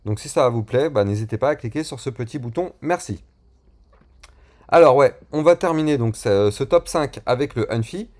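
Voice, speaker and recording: A man's voice: mid-range voice, lively intonation, moderate pace, darkish tone. A chatty man talks viewers through crypto charts in an easy, informal way. His speech is full of fillers and street slang, with restarts while he hunts for a word. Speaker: crypto YouTuber. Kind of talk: chart analysis and channel promotion.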